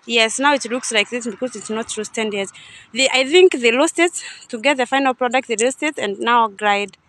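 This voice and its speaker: A young woman vlogs outdoors at a coffee farm and factory, holding the phone camera herself as she casually walks through. She thinks aloud and often sounds unsure, her voice on the high side, a bit bright, at normal speed.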